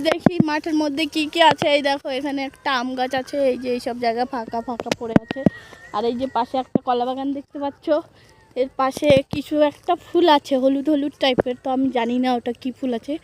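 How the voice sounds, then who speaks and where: Hoarse, high-voiced woman vlogging outdoors. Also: fairly quick, a little mellow, a little hiss or hum. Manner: playful, teasing, mock-complaining. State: hoarse from a cold. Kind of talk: casual vlog chat to viewers. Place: outdoors in open farm fields.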